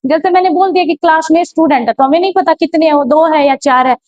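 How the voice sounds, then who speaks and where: A woman's voice: high voice, fast, darkish tone, dry recording. A woman teaching grammar in a classroom lecture, explaining step by step and posing rhetorical questions. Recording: dull, slightly lo-fi, dry sound.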